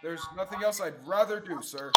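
Earnest and proud, this young man delivers old-time radio serial acting from the 1930s as an eager space adventurer bursting with gee-whiz enthusiasm. His voice is high, his pace moderate, and the acting is light, set against a noisy crowd.

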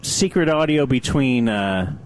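A man's voice: mid-range voice, expressive, measured pace. A man hosting a radio show in casual banter, teasing and laughing often. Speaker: radio host.

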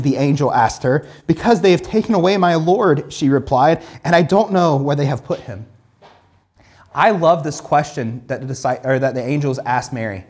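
Speaking in a medium-pitched, darkish voice, a pastor gives an informal Bible teaching. Scripture is read aloud between remarks, and points are stressed emphatically through repetition and frequent use of "like."

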